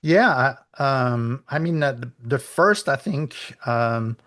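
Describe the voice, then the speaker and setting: A middle-aged Frenchman with a French accent and a mid-range voice, appearing as a guest author in a relaxed interview. He pauses often and uses plenty of fillers, but grows lively whenever he recounts conversations.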